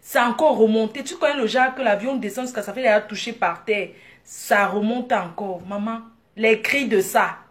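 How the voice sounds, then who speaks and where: A woman from Africa, telling a story in a casual vlog, animated and laughing with excited bursts. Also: on the high side, moderate pace, a little hiss or hum. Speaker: vlogger.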